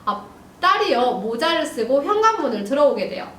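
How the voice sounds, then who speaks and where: A woman teacher giving a recorded lesson to young students, talking gently and addressing them directly. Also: high voice, sing-song, fairly quick. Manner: gentle, addresses students warmly, frequent "ja" fillers. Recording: roomy, distant mic, faint hiss.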